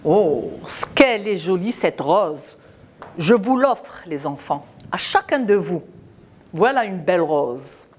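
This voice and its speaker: A woman teacher walks young pupils through a French lesson at an unhurried pace. Her pitch rises and falls in a lively sing-song, and she stretches and repeats each word and sound for the children. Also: breathy edge. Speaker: primary school teacher.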